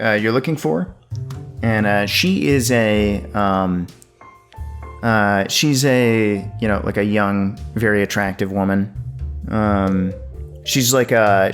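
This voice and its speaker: A man running a tabletop game as game master, improvising narration in a hesitant, halting way. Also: fairly low pitch, fairly even intonation. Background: soft guitar music.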